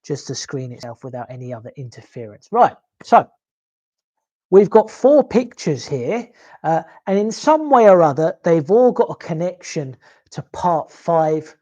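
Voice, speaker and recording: Man, online teacher, lively pitch, keeps asking "okay?". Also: a little slow, lo-fi sound. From London. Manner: animated, checks in with listeners, okay and yeah. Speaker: English exam teacher. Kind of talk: online lesson on a video call.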